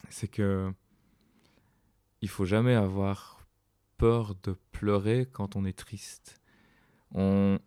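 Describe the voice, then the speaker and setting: A father answering an interview question in an earnest, measured way. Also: on the low side, mellow, no room sound.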